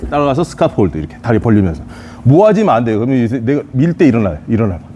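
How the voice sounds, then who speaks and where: A man's voice: medium pitch, big pitch swings, racing, dark tone, highs cut off, a little hiss or hum. A man teaching a jiu-jitsu escape, talking in short repeated cues as he demonstrates on a partner. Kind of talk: hands-on technique demonstration.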